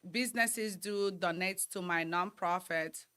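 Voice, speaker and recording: A woman's voice: lowish voice, unhurried, a bit bright, clean tone. A woman, giving earnest, upbeat interview answers as a guest. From Nigeria. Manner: earnest, upbeat, talks in long runs. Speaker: guest, model trainer and banker.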